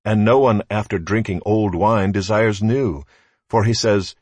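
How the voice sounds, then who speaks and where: A man reading scripture aloud formally, in a measured and declarative way. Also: lowish voice, steady tone, a little mellow, no echo. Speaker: scripture reader at a church service.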